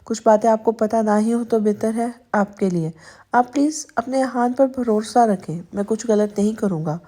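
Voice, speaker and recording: A woman's voice: a little high, mellow, close to an everyday voice. Woman voicing a possessive stern husband. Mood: coaxing. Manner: firm, turning tender then sulky.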